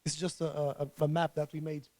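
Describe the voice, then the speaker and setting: Hoarse man presenting. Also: on the high side, flat delivery, mellow. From Portugal. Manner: halting, repeats words as he restarts. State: hoarse, recovering from illness. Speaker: conference speaker. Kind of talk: technical conference talk. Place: conference room before an audience.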